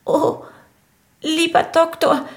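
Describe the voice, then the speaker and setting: A woman voicing an exhausted, feeble rooster in a children's audio story, speaking slowly and plaintively. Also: very high voice, completely flat delivery. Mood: weary. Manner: slow, plaintive. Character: weak exhausted rooster, male.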